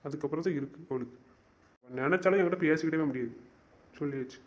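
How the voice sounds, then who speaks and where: A man's voice: on the high side, quick pace, natural voice. A young man playing a stubborn young man who is hurt and fed up with his girlfriend, and who talks in an insistent, exasperated way and repeats himself. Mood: frustrated. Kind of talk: amateur web drama acting. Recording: dull lo-fi recording.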